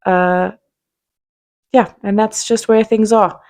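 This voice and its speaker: A South African woman in her thirties muses candidly to camera in an unscripted vlog, full of ums and restarts. Her medium-pitched voice is slow and a little mellow, with fairly even intonation.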